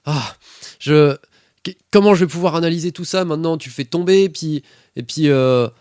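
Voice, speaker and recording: A man voicing an excitable, bossy and boastful boy sleuth in a tabletop game, ranting loudly. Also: mid-range voice, normal speed, clear, resonant tone, no echo, studio quality, natural voice. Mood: outraged. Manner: shouting, indignant rant.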